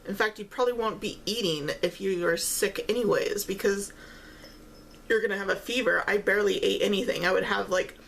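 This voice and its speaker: A woman talks casually over a meal, chewing between and during her halting phrases. Her voice has a strong creaky fry at a middling pitch. Faint noise sits behind her. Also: a bit bright, rough recording. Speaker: vlogger eating on camera while talking. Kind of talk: casual mukbang-style chat.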